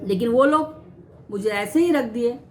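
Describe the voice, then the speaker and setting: A woman vlogger telling a personal story to camera, aggrieved and halting, often repeating and restarting words. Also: fairly high pitch, a little mellow, a little hiss or hum. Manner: aggrieved, recounting mistreatment.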